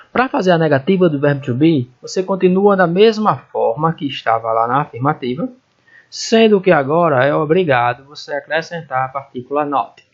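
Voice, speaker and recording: A man with a Brazilian Portuguese accent teaching an English lesson, explaining slowly and repeating phrases as he checks that the students follow. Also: fairly high pitch, lively intonation, highs cut off. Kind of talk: recorded classroom lesson.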